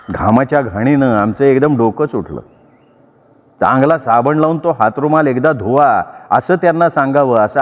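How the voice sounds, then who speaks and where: A man telling a story aloud in a lively, expressive narrating style. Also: mid-range voice. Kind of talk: dramatic story reading. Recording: long reverb.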